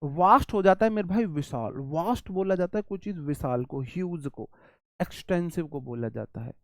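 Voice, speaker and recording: Give me an animated Indian male teacher drilling vocabulary, slightly high-pitched, recorded dry and close. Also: moderate pace, no echo. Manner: animated, repeats words often, chatty teacher asides. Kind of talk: exam-prep vocabulary lesson.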